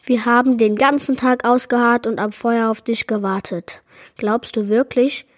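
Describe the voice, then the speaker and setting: A woman reading as a rough male robber making demands. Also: on the high side, steady tone, moderate pace, close to an everyday voice. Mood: threatening. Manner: demanding, threatening.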